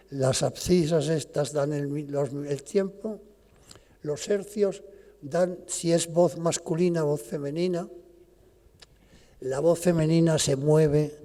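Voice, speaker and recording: Gravelly older lecturer in a hall. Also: male voice, a little high, warm tone. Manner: explanatory, pauses and restarts mid-phrase. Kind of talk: academic lecture. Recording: long reverb of a lecture hall.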